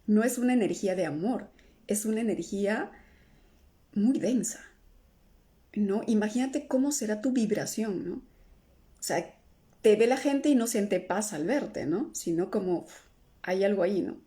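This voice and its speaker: A middle-aged woman with a soft, mellow voice gives a live-stream talk as an emotional healing coach. She keeps checking in with her listeners, tagging almost every phrase with "¿no?" or "¿sí?", and answers comments as they come in. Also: mid-range voice, animated, measured pace, long pauses. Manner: tags nearly every phrase with "¿no?" or "¿sí?"; answers viewer comments aloud.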